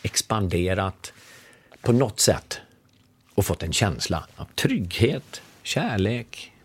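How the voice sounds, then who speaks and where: A man's voice: low-pitched, animated, breathy edge. A middle-aged man, a guest on a conversational show, telling a story and acting out the dialogue in it. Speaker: podcast guest.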